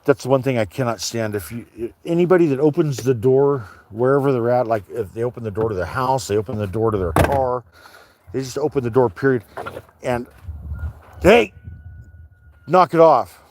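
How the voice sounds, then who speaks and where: A man's voice: medium pitch, brisk, a little mellow, a little hiss or hum. A man vlogging from his vehicle on private land before dawn, rambling casually and swearing as he talks to his dogs. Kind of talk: casual chat while driving.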